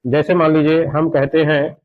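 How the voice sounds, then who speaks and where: Slow-explaining male teacher, dull recording. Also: a little high, little pitch movement. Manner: slow, explanatory, repeats examples. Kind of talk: Hindi grammar lesson lecture. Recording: dull lo-fi sound.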